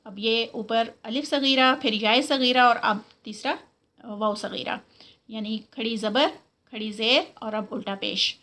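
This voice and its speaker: A woman teaching Quran recitation, saying each word slowly and drawing it out, then explaining it in Urdu mixed with English terms. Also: a little high, steady tone, sharp tone. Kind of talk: slow instructional lesson, modeling each word.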